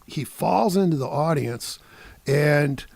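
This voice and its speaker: A Detroit-area man in his sixties tells a story as a guest musician in a loose, animated way, laughing along as he goes. His voice sits on the high side with a gravelly edge. The sound is dry and close, with no room echo. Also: takes it slowly. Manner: animated, laughs often, peppers speech with "man" and "you know". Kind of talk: casual storytelling anecdote.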